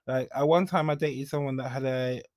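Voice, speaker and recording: A young man hosts a podcast on his own, speaking in a frank, confiding way with sudden bursts of emphasis. His voice sits at an ordinary male pitch. The sound is dry and close, with no room echo. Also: steady tone, brisk, darkish tone. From Jamaica. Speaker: podcast host. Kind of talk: candid solo podcast monologue.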